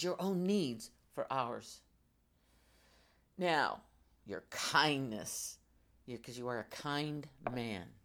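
Low-pitched older woman, emphatic motivational host. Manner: emphatic, deliberate phrasing with dramatic swells and drops. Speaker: motivational podcast host and coach. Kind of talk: motivational podcast monologue.

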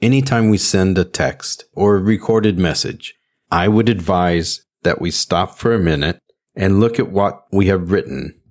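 Low-voiced man, earnest and deliberate. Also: darkish tone. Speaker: podcast host, interpreter. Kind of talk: scripted solo podcast talk.

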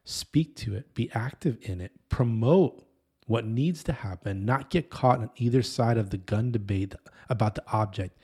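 A man in his thirties preaching casually, telling a story in an animated, rambling way that often breaks off and restarts. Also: mid-range voice, normal speed, breathy edge. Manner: animated, rambling, self-interrupting. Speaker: pastor.

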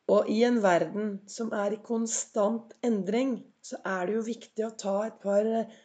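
A woman hosting a motivational podcast, a little hoarse from a cold, telling stories and asking her listeners reflective questions. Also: medium pitch, fairly even intonation, mellow. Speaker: podcast host.

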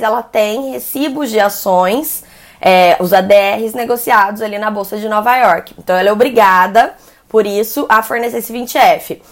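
A woman journalist with a Brazilian accent, explaining energy sector news in a conversational way with frequent fillers and restarts. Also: fairly high pitch. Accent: Brazilian Portuguese. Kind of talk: news commentary.

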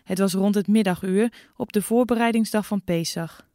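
A woman narrating a dramatized scripture reading in a measured, clear way. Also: medium pitch, mellow, dry recording, clean studio sound. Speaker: scripture reader.

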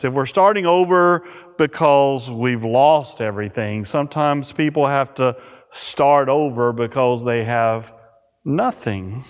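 A pastor preaching a sermon at a pulpit microphone in a church, reading scripture and praying in a measured, emphatic way. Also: male voice, a little high. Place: church sanctuary. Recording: reverberant church hall.

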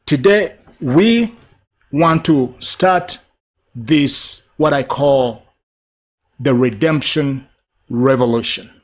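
A middle-aged man from Uganda hosting a broadcast, preaching a sermon in an earnest, repetitive cadence. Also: medium pitch. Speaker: preacher and TV host.

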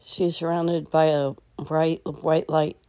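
In a low, soft-edged voice with a dark, mellow tone, a woman leads a meditation, giving each instruction gently and calmly. She speaks a little slowly, and the recording quality is low.

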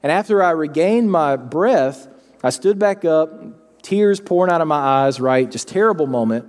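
A middle-aged man preaches from a church stage, his fairly high voice carrying earnest storytelling. Long reverb from the large hall trails each phrase as he builds toward his point. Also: lively intonation, moderate pace, darkish tone. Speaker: pastor. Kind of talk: sermon.

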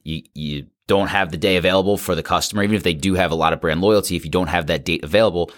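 A man's voice: deep voice, fairly even intonation, racing. A man co-hosting a casual business podcast, talking loosely with plenty of "like" fillers. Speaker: podcast co-host.

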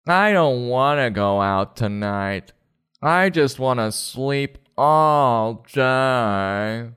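A man's voice: medium pitch, lively intonation, very slow, a bit bright, smooth, voice pushed up. A man voicing a grumpy, defensive groundhog celebrity in a comedic storybook review, complaining and blustering with profanity. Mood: sleepy, whiny.

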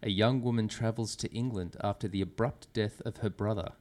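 A man with a fairly low voice chats on a podcast as a returning guest. He reads out brief film synopses and laughs at his own lines. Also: fairly even intonation, a little fast, a little mellow. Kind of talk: casual podcast chat.

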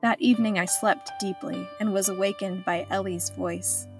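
A woman's voice: mid-range voice, steady tone, moderate pace, faint music behind. A woman reading her own travel memoir aloud in scripted first-person narration, reflective with a wry edge.

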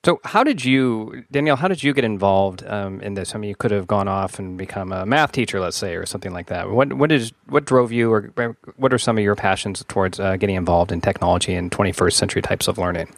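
A man hosts an education podcast as interviewer, asking rambling questions full of restarts before reading a promo; the format is a conversational interview plus a promo read. His voice is on the low side, and he talks fast with hardly any pauses. There is no echo.

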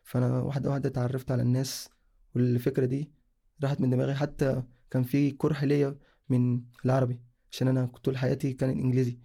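A man's voice: medium pitch, level tone, racing, vocal fry, dark tone, breathy edge. A young man from Sudan, casually telling his own story in a rambling way, often correcting himself mid-sentence. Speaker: guest sharing a personal story.

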